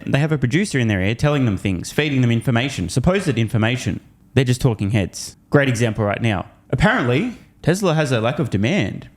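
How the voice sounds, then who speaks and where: Man, commentary host, sarcastic, profane, scornful, mid-pitched, mocking rhetorical questions. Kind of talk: informal reaction commentary.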